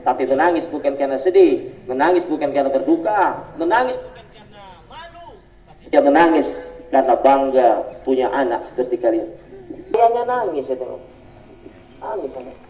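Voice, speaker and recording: A man giving a lively, humorous sermon at a school religious gathering, telling stories and speaking straight to his listeners. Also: mid-range voice, moderate pace. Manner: jokey, storytelling, addresses the audience directly. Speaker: Islamic preacher. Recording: echoey room, distant mic, dull lo-fi.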